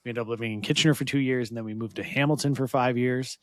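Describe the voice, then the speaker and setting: A man's voice: medium pitch, fairly even intonation, fast talker, no room sound. Laughing man, dry close sound. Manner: laughing, self-deprecating storyteller. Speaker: podcast co-host. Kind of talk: casual conversation.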